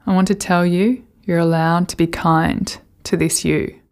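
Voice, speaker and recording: A meditation guide, she talks in a fairly deep register with audible creak. Her delivery is flat and steady, and her gentle, calming instructions are spaced out by unhurried pauses.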